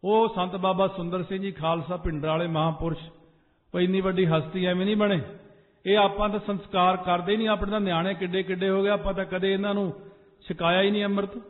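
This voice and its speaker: A man's voice: sits high, level tone, quick pace. A man preaching a Sikh sermon to a congregation, slipping into sung phrases and rising to urgent emphasis. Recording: echoey hall over a tinny phone-like line.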